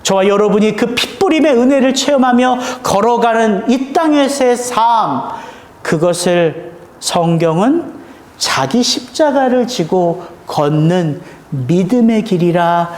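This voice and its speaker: High-voiced man preaching in an echoey church. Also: a little mellow. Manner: earnest preaching with rhetorical questions, slowing on key words. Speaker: pastor. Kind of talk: sermon. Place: church sanctuary.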